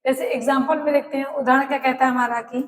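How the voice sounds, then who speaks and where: A woman teacher giving a grammar lesson. She repeats phrases slowly for students to write down, and she asks questions and then answers them herself. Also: high-pitched, steady tone. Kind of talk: classroom grammar lesson, dictating notes. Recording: echoey room with long reverb.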